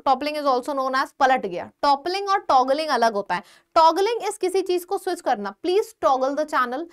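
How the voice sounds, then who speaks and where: A woman with an Indian accent teaching an exam-prep vocabulary lesson, explaining slowly, repeating words and quizzing her viewers. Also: high-pitched.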